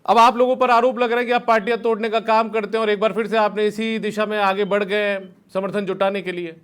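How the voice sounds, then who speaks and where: High-voiced male news anchor. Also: fast talker, clean tone. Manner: repeatedly calls for calm. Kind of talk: moderating a TV panel debate.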